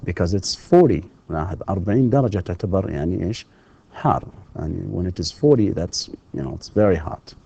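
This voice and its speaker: A man gives a distance-learning English lecture in a low, dark, gravelly voice. He drills each example sentence slowly and moves between English and Arabic. The recording sounds dull and lo-fi. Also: animated. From Saudi Arabia. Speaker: English teacher.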